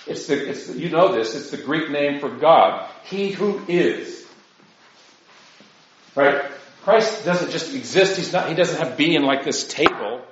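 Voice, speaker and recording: A man's voice: fairly high pitch, lively intonation, a little slow, a little hiss or hum. Man lecturing in a very echoey room. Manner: conversational, rhetorical asides, frequent "right?". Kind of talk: informal lecture to a group. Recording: very echoey room, dull lo-fi sound.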